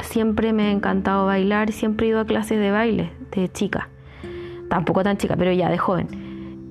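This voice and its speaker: A woman's voice: medium pitch, darkish tone. A woman with a Chilean accent, a psychologist hosting a podcast, talking casually and earnestly, repeating her advice to urge listeners. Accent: Chilean Spanish.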